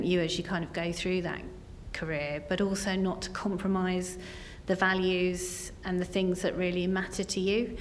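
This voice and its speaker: A woman's voice: lowish voice, a little hiss or hum. A woman giving earnest, conversational interview answers, peppered with "you know" and "kind of". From Essex, England. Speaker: interview guest, senior business executive.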